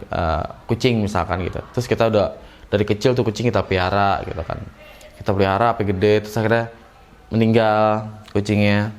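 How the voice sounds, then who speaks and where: A man gives a relaxed, chatty acting lesson and acts out short emotional examples as he goes. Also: fairly low pitch. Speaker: acting teacher. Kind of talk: casual classroom-style lesson.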